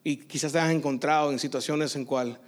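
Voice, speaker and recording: A man pastor preaching a sermon, telling a personal story in an animated way and slipping into English phrases now and then. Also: fairly high pitch, fairly quick. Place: church service.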